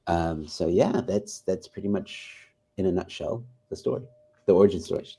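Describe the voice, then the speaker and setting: A young man with an American accent and a low, mellow voice talks as a guest in a casual interview. He works through his story with hesitant ums and small restarts. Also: normal speed, creaky, breathy edge. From United States.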